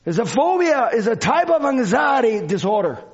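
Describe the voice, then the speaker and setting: A man's voice: very high voice, very animated, moderate pace. A man preaching a church sermon in non-native English phrasing, exhorting and repeating his phrases with fervor. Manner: repetitive, exhorting, swinging between shouts and quieter talk. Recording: dull lo-fi sermon recording.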